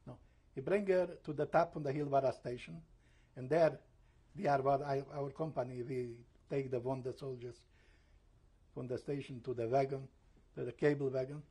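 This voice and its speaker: An elderly man gives oral history testimony in slow, halting, broken English. His voice is gravelly and very husky, dark in tone and pitched a bit above his peers. He stops to hunt for words and drops into German and Hebrew when English fails him. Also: steady tone. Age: 70s. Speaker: Holocaust survivor giving testimony.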